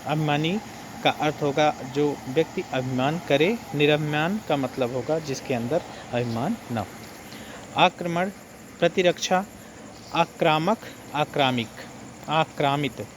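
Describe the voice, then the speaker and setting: A man teaching an exam-prep lesson, reading out word pairs slowly and adding brief explanations. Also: on the high side, noisy background.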